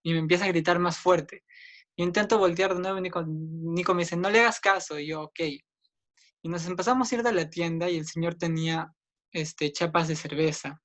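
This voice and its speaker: A man's voice: steady tone, moderate pace. Earnest young Peruvian man recounting. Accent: Peruvian Spanish. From Peru. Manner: earnest, acts out others' lines with raised pitch. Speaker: interviewee. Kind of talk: personal storytelling in an interview.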